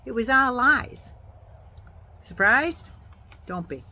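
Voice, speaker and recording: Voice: medium pitch, lively intonation, slow pace, bright, forceful tone. An American host giving casual political commentary in a folksy, sardonic, salty-tongued manner.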